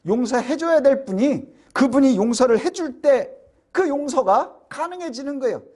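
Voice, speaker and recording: A male pastor delivers a Sunday sermon in a very high-pitched voice. He explains earnestly and keeps turning to the congregation with rhetorical questions. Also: expressive, normal speed, darkish tone.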